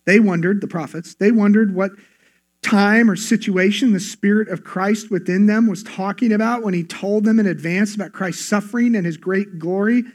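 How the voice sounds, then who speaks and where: A man's voice: high-pitched, moderate pace. A male pastor preaching a sermon in an earnest, conversational way. He often repeats words as he starts his phrases.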